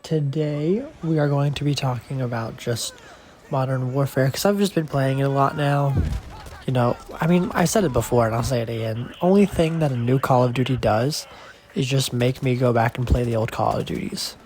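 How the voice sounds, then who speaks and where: A man's voice: medium pitch, moderate pace, a little mellow, a little hiss or hum. A man hosting a gaming channel, rambling casually over gameplay footage, his voice nasal from allergies. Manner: chatty, rambling, self-deprecating.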